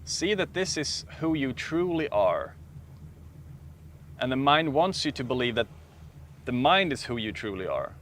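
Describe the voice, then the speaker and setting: Soft-spoken man guiding a meditation. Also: medium pitch, slight background noise. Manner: slow, calm, soft-spoken with long pauses. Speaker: meditation teacher. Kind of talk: guided meditation talk.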